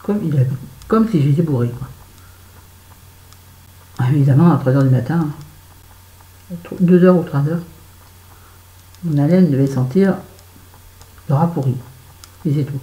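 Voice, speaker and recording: Dark-voiced woman chatting on a vlog. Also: sits low, measured pace, long pauses, reverberant, dull audio. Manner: chatty, addresses viewers directly, swears casually. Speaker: vlogger. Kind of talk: casual storytelling while doing make-up. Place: bedroom at home.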